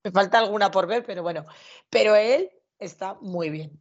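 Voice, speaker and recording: A woman's voice: medium pitch, normal speed. A woman co-hosting a podcast, chatting casually about films with many hesitant fillers. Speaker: podcast co-host. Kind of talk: casual film chat. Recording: dull lo-fi sound.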